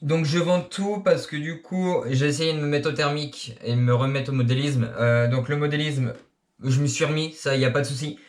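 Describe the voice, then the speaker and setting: A man's voice: a little high, fairly even intonation, normal speed. A young man from France in his late teens, introducing his RC hobby channel in a casual, hesitant way with many filler sounds, recorded on an action camera. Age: young adult. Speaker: RC hobby YouTuber.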